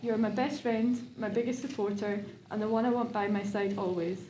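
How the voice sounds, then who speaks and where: A woman's voice: mid-range voice, steady tone, a little fast, dark tone. A woman reading her own wedding vows aloud, nervous and laughing between lines. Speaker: bride renewing vows. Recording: echoey room with background noise.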